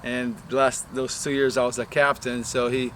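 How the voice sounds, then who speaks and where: A soccer coach from Brazil talks loosely in an interview, circling back and restarting his sentences. His voice sits at an ordinary pitch for a man. Loud traffic noise runs under the outdoor recording. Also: little pitch movement, normal speed. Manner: rambling, many restarts and "you know" fillers. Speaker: head women's soccer coach. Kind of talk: casual interview.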